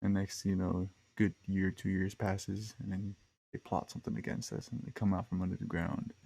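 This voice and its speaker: A man's voice: deep voice, level tone, normal speed, vocal fry, warm tone, husky. A young man hosting a podcast, telling rambling stories in a casual, slangy way with lots of fillers. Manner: rambling, slangy, laid-back with frequent fillers. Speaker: podcast host. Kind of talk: casual storytelling monologue.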